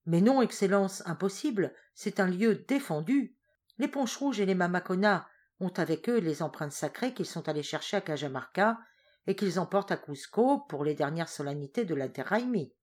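Wary government minister, careful and measured in his excuses, read by a woman. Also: on the low side, expressive, darkish tone. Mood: cautious. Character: sly, cautious male war minister.

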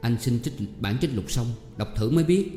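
A man voicing a sharp, jealous young wife, firing pointed, accusing questions. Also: medium pitch, lively intonation, normal speed, close to an everyday voice. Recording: roomy hall echo, faint music.

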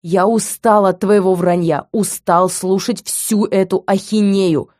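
Woman reader doing a domineering young man, slow and heavy, mellow and dry-voiced. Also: medium pitch, fairly even intonation, no echo, lightly acted. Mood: furious. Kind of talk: audiobook reading.

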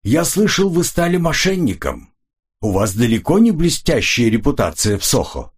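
A man voicing a cool, measured older colonel who questions calmly and dryly in an audiobook. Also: mid-range voice, husky, pitched above the performer's own voice. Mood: probing. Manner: calm, dry, probing.

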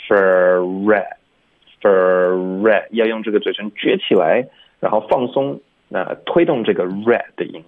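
A man's voice: fairly low pitch, expressive, breathy edge. Phone-like male radio English teacher. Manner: demonstrates English sounds slowly and repeats them. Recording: phone-like narrow-band radio sound.

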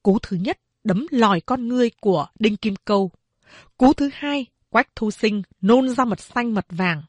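A woman reading a novel aloud as audiobook narrator, slow and deliberate. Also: a little high, dry recording.

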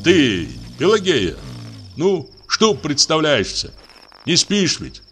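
A man's voice: fairly high pitch, huge pitch swings, takes it slowly, fairly bright tone, husky, pitched above the performer's own voice, heavily acted. A man voicing a drowsy, grumbling assistant prosecutor who brushes off his wife's fears. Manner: drowsy, grumpy and dismissive. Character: sleepy, grumbling male assistant prosecutor, middle-aged.

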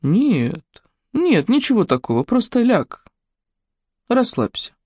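A woman's voice: fairly high pitch, very animated, takes it slowly, no room sound, voice pushed up, heavily acted. A woman reading the part of a cruel middle-aged stepfather in a storybook reading, his voice honeyed and coaxing with a threatening edge. The recording is close and dry, with no room sound. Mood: wheedling. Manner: wheedling, honeyed voice turning to threatening shouts.

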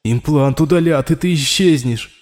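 An audiobook narrator voicing a frightened architect who refuses to listen and shouts back in panic. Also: male voice, fairly high pitch, moderate pace, dry recording, studio quality, faint music behind, pitched above the performer's own voice, close to an everyday voice. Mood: panicked. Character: frightened middle-aged male architect losing control.

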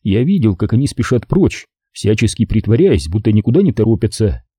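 A man reads a first-person story aloud in a wry, measured way, his pitch moving lively through each sentence. His voice is very dark and husky. It is recorded close and dry. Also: no echo. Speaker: audiobook narrator. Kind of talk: first-person audiobook narration.

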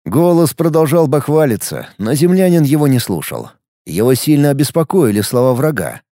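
A man narrating a fantasy novel as an audiobook, reading in a lively way with acted dialogue. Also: mid-range voice, normal speed, no echo, studio quality.

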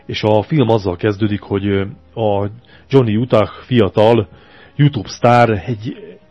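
A man co-hosting a loose radio show, ranting about a film with crude, sarcastic jokes. His voice sits on the low side. The sound is dull and lo-fi, like a compressed radio archive. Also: dark tone. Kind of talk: casual chat, film review.

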